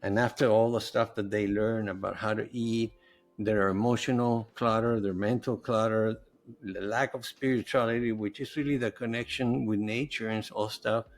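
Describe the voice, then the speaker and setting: A fairly low-pitched male voice speaks at normal speed with a steady tone. It's a middle-aged nutritionist and health coach, a native Spanish speaker, appearing as a podcast guest and speaking earnestly and casually in a conversational interview.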